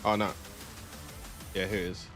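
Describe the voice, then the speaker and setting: A man's voice: sits low, little pitch movement, moderate pace, a bit bright, soft background music. A man hosting a co-stream, chatting in a laid-back way. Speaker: co-stream host. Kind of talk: casual chat.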